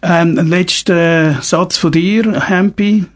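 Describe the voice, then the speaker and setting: Husky host, higher voice. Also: male voice, slow. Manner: friendly, wraps up with warm sign-off. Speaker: radio show host. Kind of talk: radio interview.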